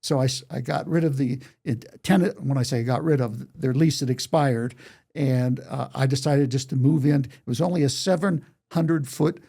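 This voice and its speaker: A songwriter and storyteller in his 80s speaks as a guest in a conversational interview, telling life stories while quoting remembered exchanges. His mid-range voice is gravelly but mellow, delivered at a normal speed.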